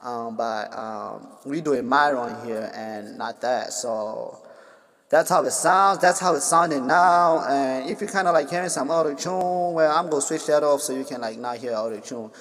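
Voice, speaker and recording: A young man hosts a casual, screen-recorded tutorial for a music-production app, rambling along with plenty of fillers and slang. His voice is medium-pitched and a bit bright, at a normal speed.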